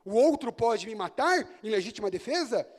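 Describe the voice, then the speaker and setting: High-voiced Brazilian man lecturing. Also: normal speed. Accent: Brazilian Portuguese. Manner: lively, rhetorical questions to the audience, jokey anecdotes. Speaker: law lecturer at a congress. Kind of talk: conference lecture. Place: lecture hall at a conference.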